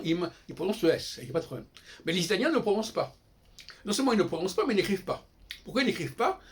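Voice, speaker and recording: An older man talks through a subject in a loose, lecture-like monologue, his voice sitting a little higher than most men's. He wanders from point to point and often breaks off mid-phrase to start again. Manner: digressive, self-interrupting, frequent restarts. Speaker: host. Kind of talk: casual spoken lecture.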